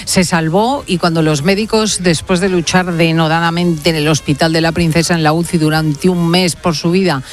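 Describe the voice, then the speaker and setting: A woman hosting a radio talk show from a studio, talking in an expressive, emphatic way. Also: lowish voice, normal speed, few pauses. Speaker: radio host.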